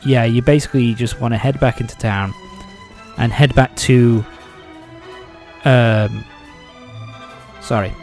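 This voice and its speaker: A man's voice: medium pitch, darkish tone. A man casually commentating a video game playthrough, rambling with many fillers, swearing and chuckling. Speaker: let's play host.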